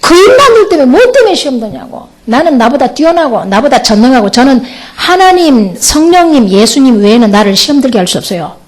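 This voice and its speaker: Middle-aged woman preaching, high voice that swings all over, laughs a lot and does voices. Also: fairly quick, few pauses. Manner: animated, laughing, mimics others' voices. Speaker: pastor's wife. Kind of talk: lively testimony sermon to a camp.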